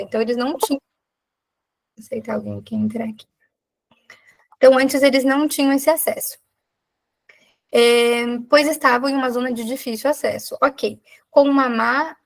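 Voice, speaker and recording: A woman's voice: high-pitched, vocal fry. A woman with a Brazilian Portuguese accent, a doctor tutoring a live exam prep lesson, who explains cases step by step and keeps putting questions to her class.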